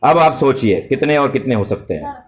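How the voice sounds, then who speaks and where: A man's voice: medium pitch, big pitch swings, fairly quick. A middle-aged man teaching math to a full classroom of children, speaking politely and praising them. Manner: addresses students with polite forms and praise.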